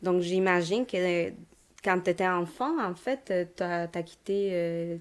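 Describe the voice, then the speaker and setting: A podcast host with a Québécois French accent speaks in a fairly low, unhurried voice. She reads a scripted intro, then shifts into chatting full of fillers and restarts.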